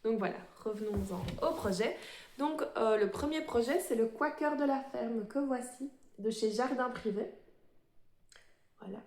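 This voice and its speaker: A woman's voice: a little high, darkish tone. Nervous, hesitant woman in an echoey room. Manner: hesitant, many fillers and restarts; self-described fast talker, a bit nervous. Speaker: cross-stitch vlogger. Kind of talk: casual show-and-tell of embroidery projects.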